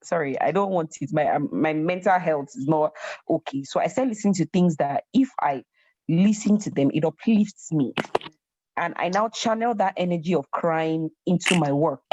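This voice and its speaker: A young Nigerian woman telling a personal story in an animated way, slipping into pidgin phrases. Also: low-pitched, moderate pace, lo-fi sound, noisy background. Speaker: host.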